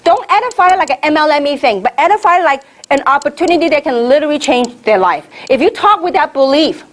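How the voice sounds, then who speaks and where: A high-pitched, fast-talking woman from Hong Kong, a network marketing leader, energetically coaches a crowd in a meeting room. Her motivational training talk is full of rhetorical questions thrown at the audience.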